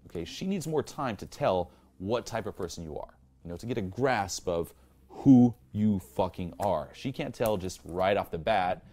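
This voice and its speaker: A man's voice: deep voice, lively intonation, moderate pace, warm tone. A young man coaching on dating in a blunt, profane monologue, peppered with "you know" and "okay". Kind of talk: instructional monologue.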